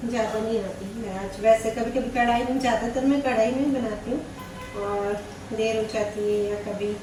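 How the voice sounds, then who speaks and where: A woman's voice: a little high, steady tone, moderate pace, echoey room, far from the mic, background noise. A woman from Rajasthan, India, talking casually to camera in her home kitchen as a cooking vlogger and explaining what she does as she works. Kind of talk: casual vlog talk while cooking.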